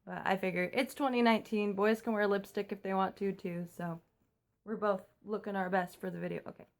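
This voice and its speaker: Recording on a phone at night, a young woman from the US chats fast through a casual home vlog, her voice kept down. It's medium in pitch with fairly even intonation.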